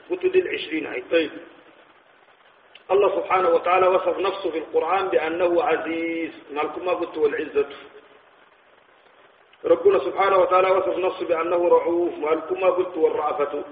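A Sudanese sheikh gives a religious lecture at a rapid clip, keeping his listeners on their toes with constant rhetorical questions. His voice sits a little high for a man and carries a long hall reverb. The recording is thin and tinny, like a phone line, with faint background noise. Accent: Sudanese Arabic. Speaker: sheikh teaching theology.

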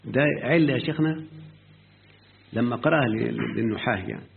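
Speaking at a medium pitch with a creaky quality, this Egyptian-accented man gives a grammar lesson over a tinny, phone-like lo-fi recording that carries a little hiss or hum. He frequently poses questions to his student and draws out the passages he quotes.

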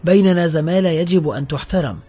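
A man's voice: fairly high pitch, quick pace, warm tone, slightly rough. A man playing a frightened pleading thief. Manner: pleading, anxious protests. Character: frightened pleading middle-aged male thief. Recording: dull lo-fi with faint music.

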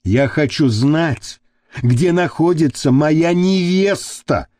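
A man's voice: fairly high pitch, expressive, slow pace, a little mellow, no room sound. A man reading the part of a rude, brutish thug who growls and snaps at people. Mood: gruff. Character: rough brutish male thug, quick to snap.

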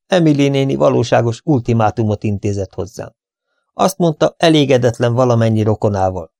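A man's voice: mid-range voice, creaky, warm tone, no room sound, studio quality. A man reading an audiobook, playing a breezy, flippant young man with a light, offhand manner.

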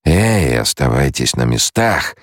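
A man voicing a cunning male shapeshifter who bargains slowly and menacingly in an audiobook. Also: rumbling low, expressive, creaky, no echo, clean studio sound, exaggerated voice. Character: cunning male face dancer, scheming menace.

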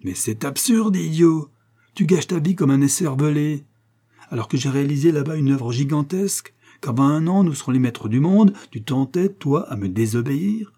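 A man's voice: on the low side, normal speed, warm tone, breathy edge. A man voicing a harsh, domineering older engineer who berates his son in a scornful, raised voice. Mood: furious.

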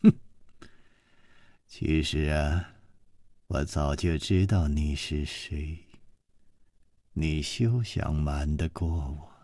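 A man's voice: a bass voice, drawn-out words, long pauses, mellow, no echo, clean studio sound, voice pushed down, exaggerated voice. A man voicing a fierce middle-aged martial-arts woman who threatens in a cold, hard voice. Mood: cold menacing.

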